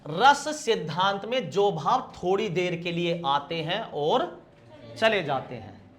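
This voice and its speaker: A young man teaching a grammar lesson with a lively, teasing manner, asking his students questions and answering them himself, acting out small everyday scenes as he explains. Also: sits high. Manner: acts out little everyday scenes in quick shifts of voice. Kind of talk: exam-prep grammar lesson.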